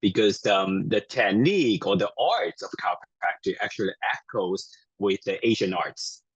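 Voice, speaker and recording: A man from Taiwan, a native Chinese speaker, chats in a friendly, halting way with plenty of fillers. His voice sits fairly low and has a husky edge. The room sounds dry and close. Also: animated, dry recording, dull audio. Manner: friendly, hesitant, with many fillers. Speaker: guest chiropractor. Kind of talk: casual interview chat.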